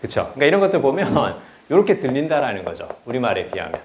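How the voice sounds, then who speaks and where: A man's voice: medium pitch, big pitch swings, fast, background noise. A man teaching English in a casual lecture, chatty and blunt, often swearing and checking with students. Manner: chatty, blunt and profane, asks students "right?". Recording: roomy echo.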